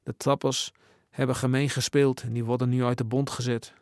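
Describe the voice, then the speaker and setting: A man's voice: mid-range voice, little pitch movement, fairly quick, a little mellow, dry recording, studio quality, close to an everyday voice. A man voicing an embarrassed teenage boy in a storybook reading, answering in a mumbled, offhand way. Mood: mumbling.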